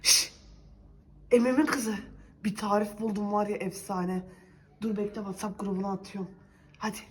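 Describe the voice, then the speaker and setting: A woman's voice: sits high, expressive, fast talker, a bit bright, a little hiss or hum. A woman doing a nosy, chattering neighbor woman. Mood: chatty. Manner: gossipy, familiar chatter. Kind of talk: comedy sketch.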